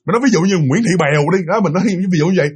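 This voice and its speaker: A man's voice: sits high, racing, darkish tone, slightly rough. A man with a Southern Vietnamese accent telling a ghost story casually, chatty and addressing his listeners directly.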